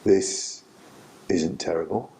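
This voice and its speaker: A man voicing a calm male sage who speaks in a quiet, soothing, unhurried way. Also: low-pitched, creaky, exaggerated voice. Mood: serene. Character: calm, gentle male sage, serene and reassuring.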